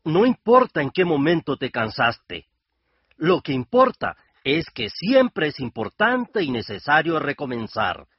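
Male reader, earnest measured reflection, animated intonation, muffled radio quality. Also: fairly high pitch, breathy edge, no echo. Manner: earnest, measured, rising toward the end. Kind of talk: reflective scripted narration. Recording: dull lo-fi radio recording.

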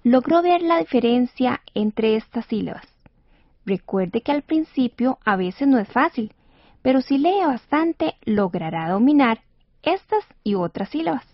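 A woman radio teacher guides a reading lesson in a patient, clear and encouraging way. Her voice sits a little high, and the recording is dry and somewhat dull, like an older studio broadcast. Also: big pitch swings, a little slow, no room sound. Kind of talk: scripted educational radio lesson.

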